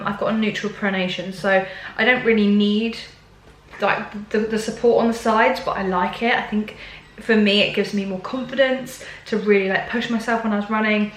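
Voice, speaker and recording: A young woman talks to camera in a bubbly, casual vlog style, peppering her speech with ums and likes. Her voice sits in a middle pitch and carries a noticeable room echo. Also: fairly bright tone. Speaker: vlogger.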